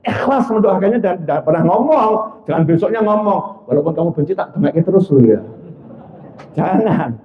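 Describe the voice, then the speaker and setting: A man preaching to a congregation in a high, animated voice, jumping from loud exclamations to soft low asides. He acts out the voices of the people in his stories. The recording is echoey and dull. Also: moderate pace, a little hiss or hum. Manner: acts out quoted voices in dialogue. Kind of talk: sermon. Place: mosque or hall before a congregation. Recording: echoey room, dull lo-fi sound.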